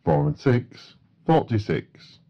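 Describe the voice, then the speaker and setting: A man's voice: fairly high pitch, takes it slowly, gravelly, muffled recording. A man working as a bingo caller, announcing numbers in set phrases with a matter-of-fact delivery.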